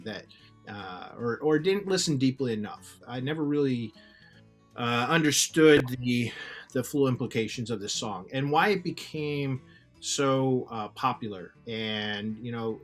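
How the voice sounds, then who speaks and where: A male co-host speaks at an ordinary mid pitch, piecing his thoughts together hesitantly. Quiet guitar music runs underneath his casual talk. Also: unhurried. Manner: hesitant, many fillers and restarts while recounting. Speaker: podcast co-host. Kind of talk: casual chat.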